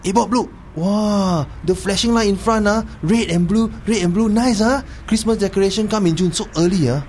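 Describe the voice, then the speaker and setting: A man's voice: high-pitched, moderate pace, darkish tone, slight background noise, close to an everyday voice. A man with a Singaporean Singlish accent playing a foolish, pleading tipsy driver in a comedy sketch. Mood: excitable. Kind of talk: comedy podcast sketch acting.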